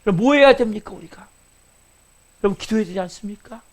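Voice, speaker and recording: A male pastor delivers a sermon in a notably high voice. He keeps calling out questions to the congregation and slips into the heated words of a jealous wife as he tells the story. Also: quick pace. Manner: calls out to the congregation, asking questions.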